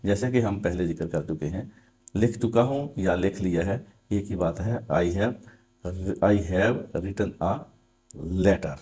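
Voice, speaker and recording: A man teaching English grammar in a step-by-step lesson. He repeats his points, asks and answers his own questions, and reads English rules out slowly. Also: fairly low pitch, warm tone. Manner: reads English rules slowly, then explains them in Urdu. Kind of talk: classroom-style grammar lesson.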